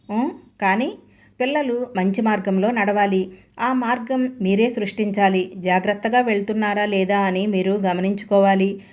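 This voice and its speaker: A woman's voice: medium pitch, darkish tone, natural voice. Lady reading as an older mom, hurt but firm, earnest scolding, medium voice. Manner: earnest, reproachful. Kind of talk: audiobook story reading.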